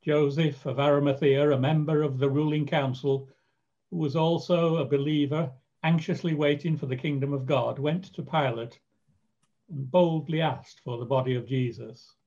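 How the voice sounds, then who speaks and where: A man narrating scripture in a measured, storytelling way. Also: fairly high pitch, fairly even intonation, warm tone, muffled recording.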